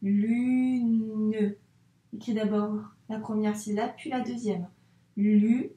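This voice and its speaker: A woman teaching young children a dictation, patiently spelling out sounds and syllables clearly for a child. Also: medium pitch, fairly even intonation, normal speed, warm tone. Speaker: primary school teacher. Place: room with a whiteboard. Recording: echoey room.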